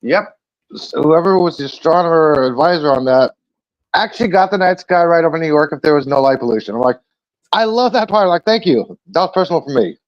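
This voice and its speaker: Excitable man with a muffled lo-fi sound. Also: on the high side, brisk. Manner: excitable, acts out his own reactions in quotes. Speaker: show panelist. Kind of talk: casual chat.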